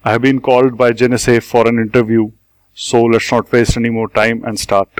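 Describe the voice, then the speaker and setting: A man's voice: medium pitch, flat delivery, brisk, clean tone, no echo. Indian guy reading his answers out, formal, dry recording. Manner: formal, read-aloud. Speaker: game tester guest.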